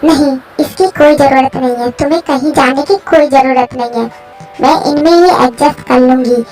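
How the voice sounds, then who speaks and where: A woman's voice: high voice, steady tone, normal speed, darkish tone, faint music behind, natural voice. A woman voicing a frightened, stubborn young woman in a fan story, refusing and anxious by turns. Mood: reassuring.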